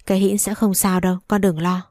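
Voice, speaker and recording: A woman's voice: medium pitch, little pitch movement, fairly quick, darkish tone, no room sound, studio quality, close to an everyday voice. A woman voicing a fierce, protective young village mother who scolds and threatens in fury. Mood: tender.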